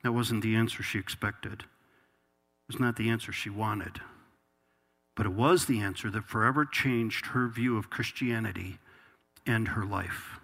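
Husky-voiced man preaching a sermon. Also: lowish voice, steady tone, a little slow, long pauses, a bit bright. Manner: reads a passage aloud, then preaches with rising intensity. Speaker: pastor.

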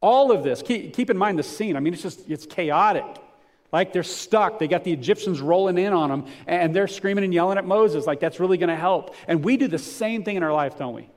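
Male pastor, slightly higher voice, conversational sermon delivery with rhetorical questions. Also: brisk.

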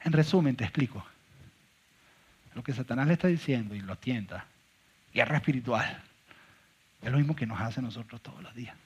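A man preaching a sermon as pastor, emphatic and full of rhetorical questions, swinging from loud to quiet. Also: mid-range voice, animated, a little fast, pauses often, breathy edge. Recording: dull lo-fi recording.

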